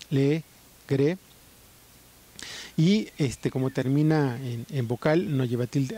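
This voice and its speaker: A man with a Mexican Spanish accent teaches in a patient, explanatory way, often pausing on "este" and "eh". His voice sits a little high but sounds mellow and warm. The delivery is unhurried and methodical. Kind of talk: spoken writing lesson.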